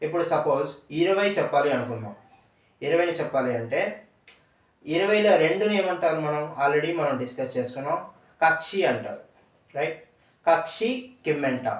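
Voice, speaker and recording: A man's voice: on the high side, animated, normal speed, long pauses, distant mic. A man giving a patient step-by-step language lesson, repeating each word twice and quizzing the listener. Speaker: language teacher. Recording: echoey room, away from the mic.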